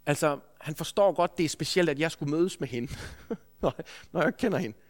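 A man preaching a sermon, telling a story in an earnest, anecdotal way with frequent restarts. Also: on the high side. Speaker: preacher, school head.

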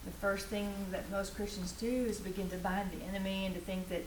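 A woman's voice: mid-range voice, fairly even intonation, a little fast. A woman sharing reflective commentary on scripture as a participant in a Bible study. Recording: roomy echo with background noise.

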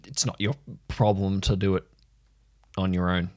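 A man with a low, darkish, natural voice speaks at a moderate pace and a steady tone, playing a gentle counselling acquaintance in an improvised audio drama. Kind, thoughtful and slightly awkward, he feels out his words hesitantly, sounding tentative yet reassuring.

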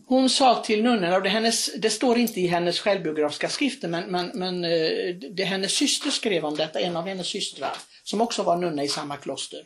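Earnest, halting religious storyteller. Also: mid-range voice. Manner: earnest, animated retelling with many restarts and hesitations.

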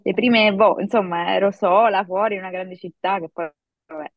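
A woman in her thirties, an actress and acting coach, telling a story in a lively podcast chat, full of fillers. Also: mid-range voice, normal speed, no room sound, dull audio. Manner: animated storytelling with many fillers. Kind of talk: casual podcast conversation.

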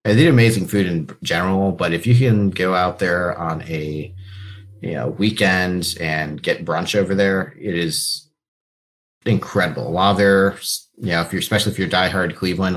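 A man's voice: sits low, normal speed. A man speaking casually as a founder being interviewed on a podcast. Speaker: podcast guest, company founder.

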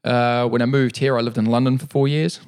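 A middle-aged man with a New Zealand accent, talking casually in an interview, relaxed and rambling with fillers and restarts. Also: medium pitch, a little fast, smooth. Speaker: interviewee, para-cyclist.

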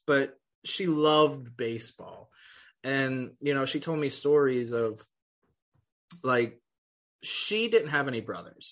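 A man hosting a casual sports podcast, chatting in a relaxed, loose way. He swears freely and breaks into laughs often. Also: mid-range voice. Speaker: podcast host.

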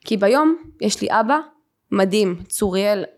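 A young woman hosting a podcast, telling her own story with feeling and acting out the voices of the people in it. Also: mid-range voice. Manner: animated, acts out quoted voices. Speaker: podcast host. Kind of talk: emotional personal storytelling.

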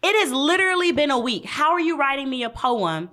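A woman's voice: sits high, brisk. A woman in her thirties chatting casually, telling stories and acting out what people said. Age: 30s. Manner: animated storytelling, quotes people in character. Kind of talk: casual chat.

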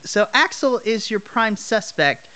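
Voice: medium pitch, sing-song, unhurried, sharp tone, pitched above the performer's own voice, low-quality recording. Polite young female backstage wrestling correspondent, put on by the narrator. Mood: inquiring, polite. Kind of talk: wrestling broadcast interview.

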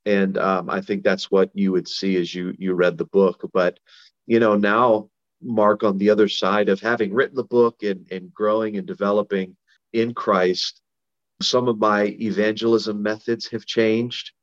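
A man's voice: fairly low pitch, flat delivery, unhurried. A middle-aged man, a pastor, speaking over a phone line as an interview guest, earnest and conversational with frequent restarts. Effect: heard over a phone line. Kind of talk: interview guest sharing a personal testimony. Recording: dull phone-line audio.

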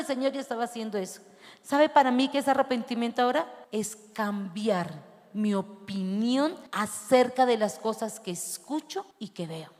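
A woman's voice: fairly high pitch, darkish tone, big-room sound. A middle-aged woman pastor, preaching a sermon and asking the congregation questions. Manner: preaching with rhetorical questions to the congregation, slowing to read scripture.

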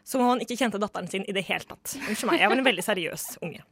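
A woman's voice: mid-range voice, a bit bright, breathy edge, no room sound. A young woman from Norway telling a funny personal story in casual chat, acting out the people she quotes.

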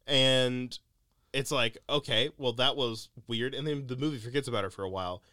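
A man's voice: medium pitch, normal speed, bright, forceful tone, no echo, studio quality. A man co-hosting a podcast, rambling casually about a film with lots of fillers and laughs. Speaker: podcast co-host. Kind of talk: casual movie chat.

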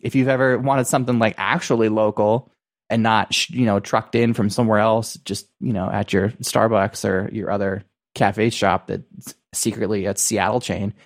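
A man co-hosting a casual business podcast, talking in a halting, circling way full of filler phrases. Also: on the low side, fairly even intonation. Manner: halting, circling phrasing with repeated "you know" and "like". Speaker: podcast co-host.

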